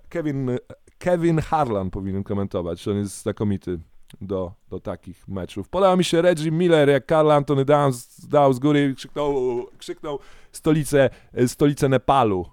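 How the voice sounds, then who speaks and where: A man co-hosting a podcast, chatting casually in an animated, rambling way and often correcting himself mid-sentence. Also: mid-range voice, clear, resonant tone, dry recording, clean studio sound. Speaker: podcast co-host. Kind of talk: casual chat.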